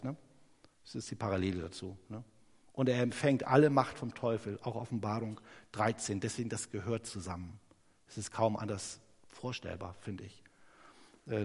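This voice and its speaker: A man giving a conversational Bible teaching sermon, lively and animated, often ending his points with a quick tag question. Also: mid-range voice, husky. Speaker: preacher. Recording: long hall reverb.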